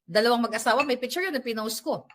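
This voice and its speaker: A woman's voice: a little high, quick pace, fairly bright tone. A woman giving casual, sarcastic vlog commentary at home, ranting animatedly and mixing in English. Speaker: political vlogger. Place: at home while tidying up.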